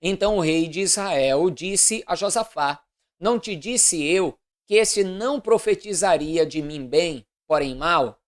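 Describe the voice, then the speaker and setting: Woman reading scripture aloud. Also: on the low side. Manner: measured, deliberate reading aloud. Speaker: Bible reader.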